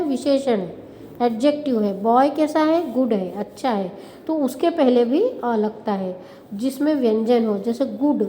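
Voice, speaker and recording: A woman's voice: high-pitched, warm tone. A woman teacher explaining grammar in a classroom lesson, asking questions and answering them herself. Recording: reverberant room, faint background noise.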